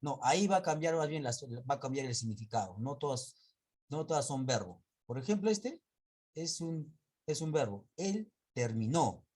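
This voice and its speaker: Guy teaching an online class, kinda husky voice, stretches out example words slow, corrects himself a lot, keeps asking if everyone's got it. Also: mid-range voice, animated, darkish tone. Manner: patient, drawn-out word examples; frequent self-corrections and checks with students.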